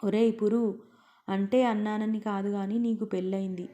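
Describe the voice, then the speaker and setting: A woman's voice: mid-range voice, fairly even intonation, normal speed, warm tone, close to an everyday voice. Woman doing a wry old husband. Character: retired man of sixty-two, teasing and wry. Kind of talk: storybook reading.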